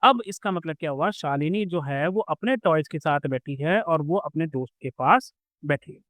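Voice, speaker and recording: A man's voice: on the high side, lively intonation, moderate pace, fairly bright tone, dry recording. A man teaching a school math lesson, patiently explaining step by step with everyday examples.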